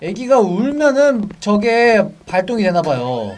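A young man narrates his way through a horror game for his viewers, chatty and jumpy. His voice sits high and swings widely in pitch. He sounds a little off the mic, with a faint hiss of noise behind him. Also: measured pace, recorded from a distance. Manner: excitable, yelps and shouts at scares, chatty asides to viewers. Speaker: game streamer. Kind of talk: horror game let's play commentary.

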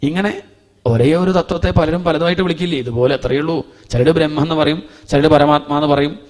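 A man's voice: a little high, a little mellow. Man giving a homely scripture talk. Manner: chants Sanskrit verses slowly, then explains in a homely conversational way. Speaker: Bhagavatam teacher.

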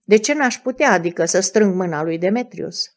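A woman's voice: mid-range voice, expressive, natural voice. A woman reading the part of a candid, spirited young noblewoman in an audiobook, earnest and a little defensive.

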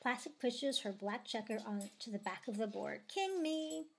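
A woman reading a children's book aloud with lively storytelling. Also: medium pitch, moderate pace, slight background noise. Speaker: reader.

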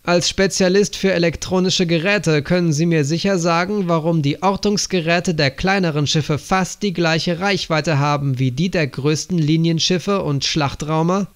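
Ein Mann als ruhiger älterer Anführer. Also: male voice, fairly high pitch, moderate pace, few pauses, clear, resonant tone, lightly acted. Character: older male leader, calm and probing.

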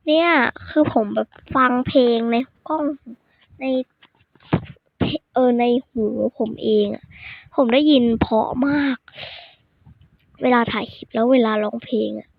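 High-voiced woman vlogger on a tinny phone. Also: slow, gravelly, pauses often, no room sound. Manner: rambling, self-critical, restarts often. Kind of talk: casual vlog talk to viewers. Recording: tinny phone-like, dry sound.

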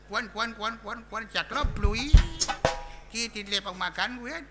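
With music playing behind him, a man whose voice sits high talks at a moderate pace. He's the voice of a bawdy village clown in a live shadow puppet show, joking coarsely in a Southern Thai accent with rowdy, teasing banter.

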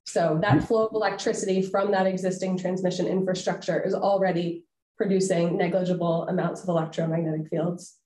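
Woman, project representative, formal, measured, roomy echo. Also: lowish voice, fairly even intonation, warm tone. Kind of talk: statement at a public hearing.

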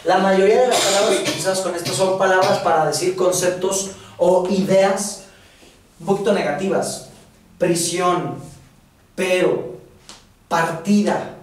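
A man's voice: sits high, measured pace. A man with a Mexican accent giving a casual, slangy classroom lecture, checking in with his students. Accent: Mexican Spanish. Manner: casual, slangy lecturing with filler words and questions to the audience. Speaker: course instructor. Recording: echoey room, voice from far off, faint noise.

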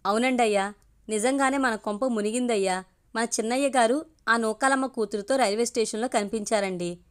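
A woman voicing an excited male village servant who reports news with deferential rustic talk. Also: a little high, a little fast, natural voice. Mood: alarmed.

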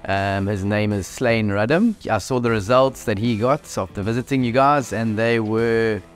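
A South African man in his thirties giving an unhurried, restart-filled testimonial interview in a bright clinic lounge on a lapel mic. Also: lowish voice, faint music behind. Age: 30s. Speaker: clinic patient.

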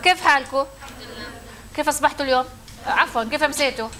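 A woman's voice: high-pitched, racing, pushed and bright. A woman lecturer, teaching a classroom and questioning her students.

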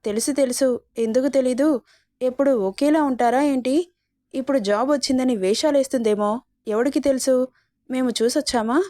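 A woman's voice: high-pitched, moderate pace, pauses often, mellow, no room sound, clean studio sound, natural voice. A woman voicing middle-aged gossiping neighbor women with a sneering, insinuating manner in a read-aloud story. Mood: snide.

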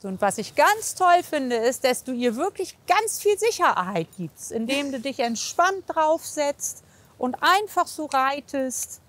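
Her voice sits high, swings widely in pitch, and has a fairly bright tone, delivered without hurry. She's a horse physiotherapist assessing a horse and its rider, coaching casually, reassuring them and praising them often.

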